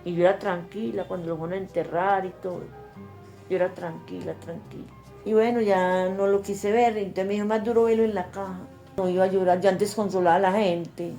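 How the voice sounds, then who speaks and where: A woman's voice: lowish voice, steady tone, fairly quick, warm tone, faint music behind. Older woman with a Paisa accent. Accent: Colombian Paisa Spanish. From Colombia. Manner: emotional storytelling, acting out quoted voices. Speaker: interviewee. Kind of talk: oral history testimony.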